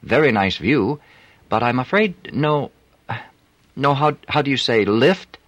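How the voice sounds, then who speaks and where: A man's voice: medium pitch, lively intonation, a little slow, no echo, highs cut off, pitched above the performer's own voice. Man doing a flirty French streetwalker. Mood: teasing. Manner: teasing, coaxing, broken English.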